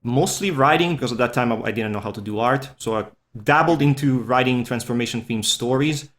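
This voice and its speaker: Here a furry artist on a podcast talks in a casual interview, his medium-pitched voice fairly quick and a bit bright. His English is non-native, shaped by a Swiss Italian accent and Italian as his first language. He comes across easygoing, rambling and self-deprecating.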